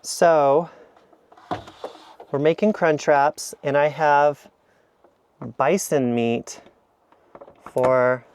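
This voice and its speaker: A man's voice: on the high side, fairly even intonation, very slow, long pauses, a little hiss or hum. A man in a camper van giving a chatty, rambling, self-deprecating tour of his kitchen, filmed on an action camera. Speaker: vlogger. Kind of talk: casual kitchen walkthrough vlog.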